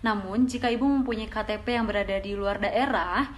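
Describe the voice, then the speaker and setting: A woman's voice: mid-range voice, fairly quick, natural voice. Woman role-playing female bank officer, customer service voice, formal, patient, apologetic, courteous. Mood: courteous, explaining.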